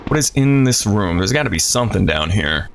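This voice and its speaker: A man's voice: lowish voice, animated, a little fast, creaky. A man streaming a horror game, chatting casually and rambling with a slightly stuffy voice. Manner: rambling, self-deprecating chatter. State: stuffy from a cold. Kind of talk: casual gameplay commentary. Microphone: desk mic through an audio interface. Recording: static from a failing audio interface. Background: game music.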